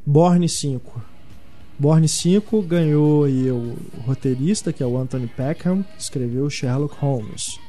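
Male podcast host, relaxed and fairly high voice, casual news chat over faint music. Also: a little slow.

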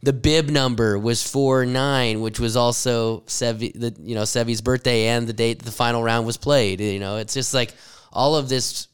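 A man with a smooth, clear voice talks loose golf banter on a podcast. His tone is animated and profane, and he often breaks into laughs. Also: mid-range voice, unhurried. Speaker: podcast co-host. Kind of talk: casual golf chat.

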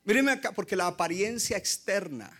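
A man delivers a passionate sermon from the pulpit, his voice sitting a little high for a man. He slips English phrases into his preaching. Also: animated, normal speed, sharp tone. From Colombia. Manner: impassioned, mixes in English phrases. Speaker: pastor.

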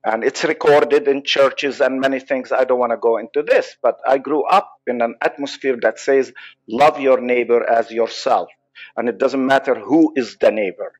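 A man's voice: medium pitch, steady tone. Palestinian-accented guy on a podcast, earnest, stops and restarts a lot, muffled lo-fi audio. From Israel. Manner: earnest, halting, many restarts. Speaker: psychologist guest. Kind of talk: podcast interview.

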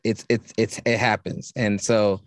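A man with a lowish voice rambles through loose podcast chat in a flat delivery, halting and restarting his sentences often. The sound is dry and close, with no room sound around it.

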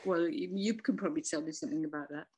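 A woman with a fairly low voice, talking at an easy, reflective pace in a conversational interview. She tells her story with small laughs and self-corrections, like a facilitator looking back on her work. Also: fast talker, darkish tone, slightly rough. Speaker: voice dialogue facilitator.

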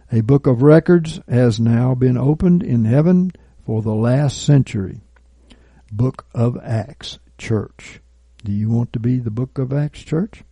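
Male preacher, sermon, slow deliberate delivery, very dark tone, dry recording. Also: mid-range voice, no room sound. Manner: slow, deliberate, drops to quiet asides; reads scripture and prophecy aloud.

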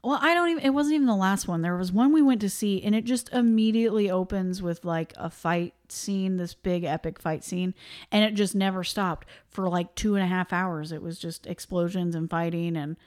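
This young woman co-hosts a podcast, chatting casually about a movie with plenty of fillers, laughs and asides. Her voice sits on the low side, a little mellow, at a normal speed.

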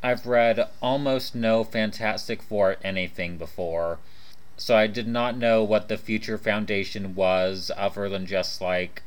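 Slow-talking man with a numb mouth. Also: fairly low pitch, fairly even intonation. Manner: informal, swearing. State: mouth half numb from the dentist. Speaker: podcast co-host. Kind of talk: casual podcast chat.

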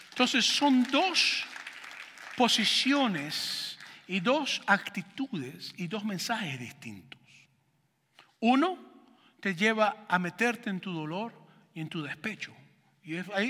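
A male pastor, preaching a sermon and swinging between loud passages and hushed ones. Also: high voice, husky. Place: church sanctuary. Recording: echoey church hall.

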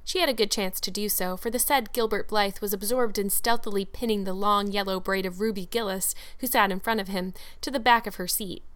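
Smooth-voiced woman reading a classic story. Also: mid-range voice, a little fast, few pauses, a bit bright. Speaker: audiobook narrator. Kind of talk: scripted storybook narration.

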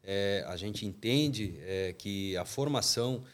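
An Argentine man with a low voice answers podcast interview questions as a guest, speaking for a football coaching association as its coordinator. He talks slowly, firmly and emphatically, at times searching for words.

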